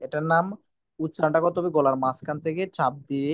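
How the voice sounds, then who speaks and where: In an online class, a man teaches Quran reading, drilling letter sounds again and again and sternly scolding his pupils. His voice is on the high side, fairly quick and fairly even in intonation, with no room sound and the highs cut off.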